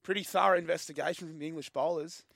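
A man's voice: a little high, steady tone, quick pace, creaky, a bit bright, dry recording. A man chatting casually about sport as a co-host.

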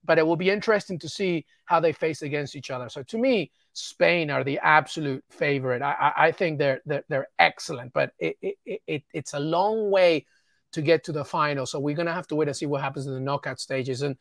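A man analyses soccer as an interview guest, talking fluently and eagerly but stumbling over repeated words. His voice sits a touch high for a man. The recording is dry and close, with no room sound. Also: fairly quick, vocal fry, fairly bright tone, dry recording. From England. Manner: fluent and enthusiastic, with frequent stammered repeats.

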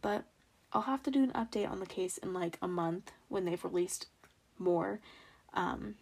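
A woman's voice: fairly low pitch, moderate pace, vocal fry, a little mellow, slightly rough. A young American woman hosting a true crime podcast alone in a casual, self-deprecating way, with some trouble pronouncing her R sounds. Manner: informal, self-deprecating asides. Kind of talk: casual solo podcast storytelling from notes.

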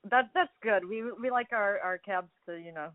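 A woman's voice: medium pitch, normal speed, no room sound. A woman hosting a casual wine interview, easygoing and laughing often as she asks her questions. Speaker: podcast host. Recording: thin phone-like line, dry.

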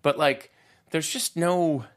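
A young adult man co-hosting a casual movie review chat, telling stories in an animated way with quick asides and giggles. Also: on the high side. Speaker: podcast co-host.

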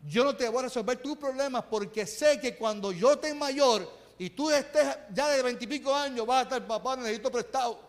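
A man's voice: very high-pitched, normal speed, hardly any pauses. Brief: male pastor in his thirties, conversational sermon in a church hall. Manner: earnest, conversational preaching with rhetorical questions. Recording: reverberant hall.

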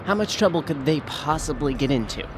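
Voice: mid-range voice, expressive, fairly quick, background noise, lightly acted. Cheeky, grumbling teenage boy, played by an actor. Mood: teasing, uneasy. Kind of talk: dramatized true crime audio drama.

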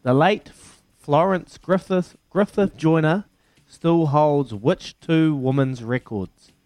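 A man's voice: on the high side, slow, a little mellow, dry recording. A man with a New Zealand accent hosting a casual phone-in radio quiz, matey and fond of repeating his phrases.

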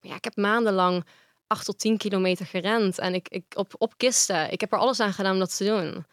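Woman with a flat, level voice. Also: mid-range voice, brisk, no echo, clean studio sound. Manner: frank, talks at length. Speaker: guest. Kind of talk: casual interview talk.

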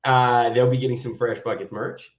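A man's voice: medium pitch, steady tone, moderate pace, roomy sound, highs cut off. A man hosting a show with casual, comedic frat-bro banter. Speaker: show host.

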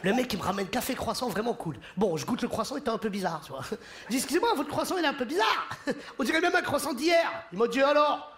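A stand-up comedian, a man, performs an animated, joking routine on a theater stage and puts on voices for the people in his stories. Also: very high-pitched, fast talker. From Morocco. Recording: live show in a hall, audience laughter. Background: audience laughing and cheering.

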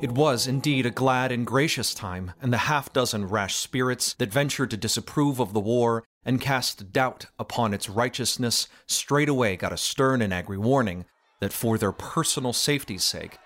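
A man narrates a literary story in dramatic audiobook style, his mid-range voice a bit bright and moderately paced. Background music plays behind his voice.

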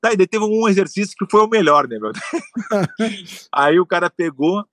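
A man telling a long story in casual chat, animated and swearing, acting out what others said. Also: high voice, moderate pace, no echo, studio quality. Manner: animated, swearing, acts out quotes. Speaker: storyteller guest.

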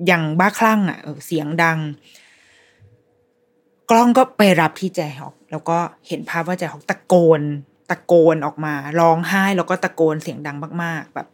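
With a lowish voice at a normal speed, a female podcast host chats casually about a TV series she is reviewing. She recounts scenes with animation, frequently starting her sentences over.

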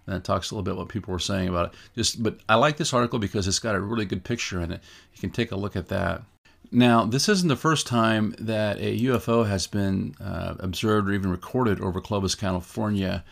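Man, deep pitch, creaky voice, casual show host, conversational, musing commentary. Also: brisk. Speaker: host of a UFO news show. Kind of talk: casual commentary, reading out articles.

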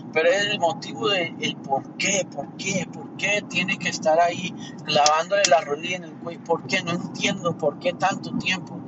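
Rambling man over loud street traffic. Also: sits high. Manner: rambling, repeats words, earnest and indignant. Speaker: commentator sharing opinions. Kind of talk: casual monologue. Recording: muffled distant mic with loud traffic noise.

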